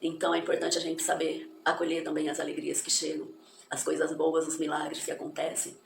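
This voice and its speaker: A woman with a gravelly, somewhat low voice teaches an English lesson in an encouraging, reflective way. She slowly breaks down pronunciations. Her voice rings in an echoey room with faint background noise. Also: monotone.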